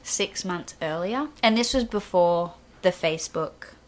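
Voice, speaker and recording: A woman's voice: lowish voice, measured pace. A young woman telling a story as an interview guest, acting out the dialogue and laughing often. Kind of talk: casual interview chat.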